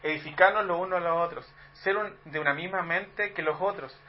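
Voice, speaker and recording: A man's voice: high-pitched, a little fast, highs cut off. A Chilean man preaching a sermon in a conversational teaching manner, asking the congregation rhetorical questions. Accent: Chilean Spanish. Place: church hall.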